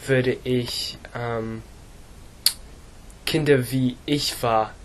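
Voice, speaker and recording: A teenage boy from England, an English speaker practising German, answering slowly with many fillers and pauses. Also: medium pitch, steady tone, a little hiss or hum. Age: teens. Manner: halting, slow, many fillers. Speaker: student.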